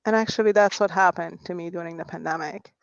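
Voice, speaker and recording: A middle-aged woman from Hungary answers interview questions in a soft, hesitant way, pausing on fillers and restarting her sentences. Her voice comes through dry and a little dull, like a lo-fi call recording. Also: lowish voice, steady tone, vocal fry, no room sound. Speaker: guest, nurse and writer. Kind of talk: interview conversation.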